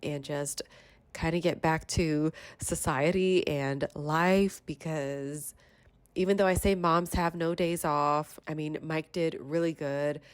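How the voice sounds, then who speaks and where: A woman's voice: low-pitched, fairly even intonation, slow, clean tone, no echo. A woman in her thirties with a stuffy, congested voice, chatting casually in a vlog voiceover. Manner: chatty, rambling storytelling. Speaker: vlogger.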